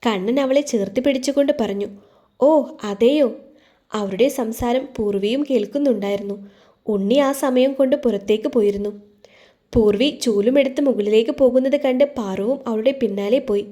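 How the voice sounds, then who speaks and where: Mellow woman narrating a story. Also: on the high side, brisk. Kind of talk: scripted narration.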